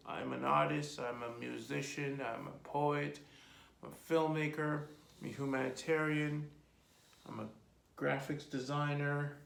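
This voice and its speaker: A man in his fifties with a Jamaican accent, telling his life story in a relaxed, rambling interview with many ums. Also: medium pitch, creaky. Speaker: host being interviewed by his daughter. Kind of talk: casual personal interview. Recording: echoey room.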